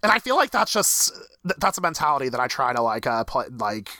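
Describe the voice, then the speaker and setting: A man in his thirties talks through a TV episode in an animated, casual way, his voice leaping high whenever he acts out a reaction. His tone is bright and forward, recorded close with no room sound. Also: fast talker, no echo. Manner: animated, jumps high in pitch when acting out reactions. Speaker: podcast co-host.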